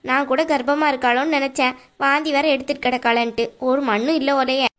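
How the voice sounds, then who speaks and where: A woman's voice: high-pitched, steady tone, fast, fairly bright tone. Woman voicing a nagging cartoon mother-in-law. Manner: scolding, mocking. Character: sharp-tongued nagging middle-aged mother-in-law. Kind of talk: cartoon voice acting.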